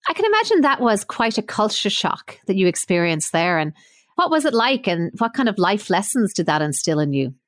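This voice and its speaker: A woman host reading a scripted intro and asking curious, measured interview questions. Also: medium pitch, very animated.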